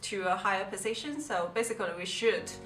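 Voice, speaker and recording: A woman from China speaking earnestly in a documentary interview, halting now and then with fillers. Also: medium pitch, expressive. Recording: echoey room, distant mic, music bed.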